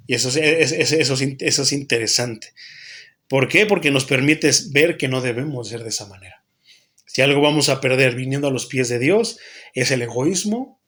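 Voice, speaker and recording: A man's voice: fairly high pitch, a bit bright. A Mexican pastor preaching an earnest sermon to his church, asking himself questions and answering them, often repeating and restarting phrases.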